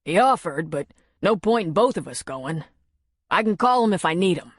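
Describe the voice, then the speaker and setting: A woman's voice: fairly low pitch, expressive, normal speed, no room sound, clean studio sound. A woman narrator voicing a plainspoken man who talks in a casual, clipped, matter-of-fact way.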